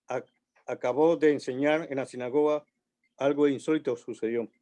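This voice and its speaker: A man preaching a sermon in a church, slow and emphatic, building on repeated phrases. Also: on the high side, a little mellow. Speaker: pastor.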